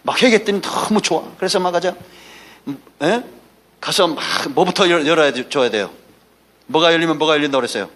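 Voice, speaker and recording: A man's voice: a little high, fairly quick, a bit bright. A man preaching a Sunday sermon as pastor, emphatic and folksy, calling for responses from the congregation between anecdotes. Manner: folksy, mixes asides and anecdotes.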